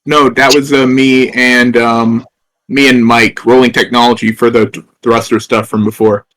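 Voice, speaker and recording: A man's voice: mid-range voice, little pitch movement, normal speed, a bit bright, low-quality recording. A man playing a tabletop role-playing game, talking casually with many hesitations.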